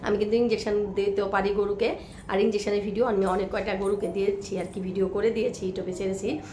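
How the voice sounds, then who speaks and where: A hoarse woman vlogging by a cowshed, chatting affectionately with her viewers and often asking if they follow. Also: mid-range voice, level tone, brisk, background noise. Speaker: village life vlogger. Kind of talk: casual vlog chat to viewers.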